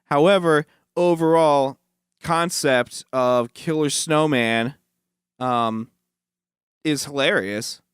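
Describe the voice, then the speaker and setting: Man, relaxed, measured, smooth voice, podcast chat. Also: a little high, no room sound, clean studio sound. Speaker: podcast co-host. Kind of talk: casual film review chat.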